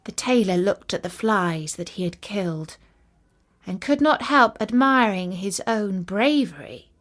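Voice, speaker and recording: A woman storyteller takes her time narrating a fairytale for children. She is expressive and deliberate, and her pitch rises and falls in a very animated way.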